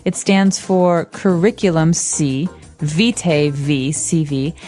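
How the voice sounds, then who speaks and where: A woman co-hosting an English lesson podcast, explaining words clearly and patiently. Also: deep voice, slow, warm tone, soft background music. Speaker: English teacher co-host.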